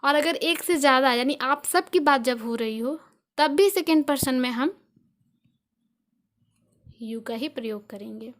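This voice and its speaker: An English teacher, a young woman with an Indian accent, gives an online grammar lesson in a high, a bit bright voice. Patient and slow, she goes over each point several times, backing it with everyday examples.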